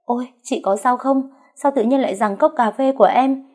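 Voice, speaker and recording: A scheming young woman whines and pleads in a high, put-upon voice, as a woman reader voices her. She sounds falsely innocent. It is an audiobook story reading with a soft, mellow tone. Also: brisk. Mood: whiny pleading. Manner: pleading, wailing.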